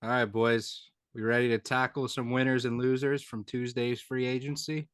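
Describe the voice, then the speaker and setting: A young man hosting a casual sports podcast, leading the segments with brisk joking talk. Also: medium pitch, flat delivery, smooth, no room sound, studio quality. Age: young adult. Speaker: podcast host. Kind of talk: casual chat.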